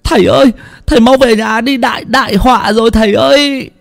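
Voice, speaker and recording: A frantic young man shrieks high and breathless, stumbling over his words. The storybook figure sounds terrified and desperate. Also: steady tone, a little fast, vocal fry, faint music behind. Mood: panicked. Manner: frantic, stammering yells.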